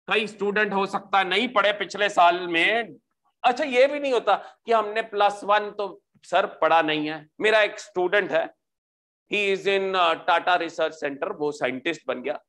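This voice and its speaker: A man giving a maths lecture, animated and repetitive, often pausing to ask for agreement. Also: high voice. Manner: animated, repeats "ठीक है जी", mixes English into speech. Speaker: maths teacher. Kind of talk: classroom lecture with pep talk.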